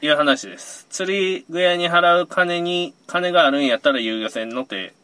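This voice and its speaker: Fishing boat operator, male, fairly high and bright, animated delivery, dry close sound. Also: normal speed, clear, resonant tone, no echo. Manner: chatty and explanatory, in relaxed regional dialect. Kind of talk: casual podcast chat giving fishing tips.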